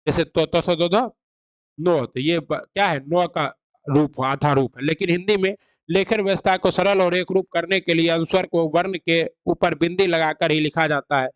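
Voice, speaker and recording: A man's voice: a little high, steady tone, normal speed, smooth, no room sound, dull audio. A man teaching Hindi grammar in an online exam-prep lecture, explaining rules and asking himself rhetorical questions.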